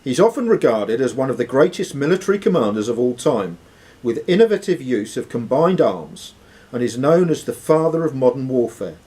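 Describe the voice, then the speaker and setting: The man's medium-pitched voice is sing-song and dark, moving at normal speed as he reads quiz questions to contestants as quizmaster. A noisy live recording captures him in a social club room among the players.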